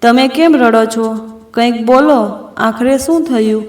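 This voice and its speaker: A woman's voice: fairly high pitch, measured pace, a little mellow, echoey room, lightly acted. A woman voicing a scheming young wife who puts on a show of concern. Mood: fake concern. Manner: fake concern.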